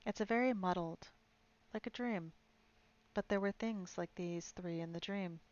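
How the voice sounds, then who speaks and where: A woman voicing a gentle talking horse who speaks slowly and thoughtfully, as if half remembering. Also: lowish voice, muffled recording, close to an everyday voice. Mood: musing. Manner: slow and thoughtful. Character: slow, muddled, gentle talking cab horse.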